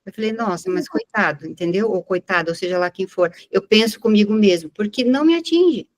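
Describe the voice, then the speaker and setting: Earnest Brazilian woman explaining warmly. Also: medium pitch, expressive, a little fast, no echo. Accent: Brazilian Portuguese. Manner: earnest, explaining, with many tag questions. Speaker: study group participant. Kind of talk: casual group discussion.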